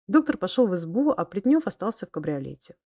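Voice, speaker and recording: A woman reading a classic story aloud as audiobook narrator, even and measured. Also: medium pitch, no room sound, clean studio sound. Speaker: audiobook reader. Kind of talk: scripted literary narration.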